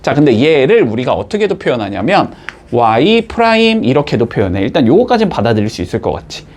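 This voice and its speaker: A man explains math to his students as a teacher, moving through each step and pausing often with a quick question to check they follow. His voice swings up and down with lively energy. His pitch sits in an ordinary middle range. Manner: lively, coaxing, checks in constantly with short questions. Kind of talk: classroom math lecture.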